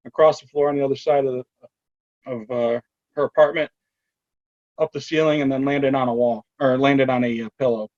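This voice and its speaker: A man recounts a violent encounter from his police career, speaking haltingly with frequent pauses and repeated words. His pitch sits in a middle range for a man. The recording is dry and a little dull, like a plain podcast mic. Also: no echo. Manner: quotes shouted commands in a raised voice. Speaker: retired police officer telling his story. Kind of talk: personal account in a podcast interview.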